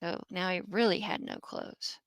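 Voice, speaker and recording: A woman co-hosting a casual true crime talk, chatty and quick to agree. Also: lowish voice, very animated, creaky, no echo. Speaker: podcast co-host. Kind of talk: casual chat.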